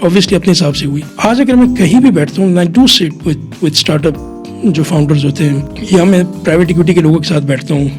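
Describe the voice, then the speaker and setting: A man's voice: on the high side, moderate pace, music in the background. A middle-aged man from Quetta, a chartered accountant guest, explaining at length in a podcast interview and mixing English phrases into his Urdu. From Pakistan, Quetta. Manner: mixes English phrases into Urdu, frequent "theek hai".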